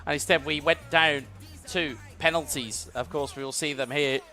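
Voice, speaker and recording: A British man from the United Kingdom delivers fluent, analytical play-by-play commentary on a live esports match. His voice sits a little high with fairly even intonation and a bright, forceful tone at normal speed. Faint music plays in the background.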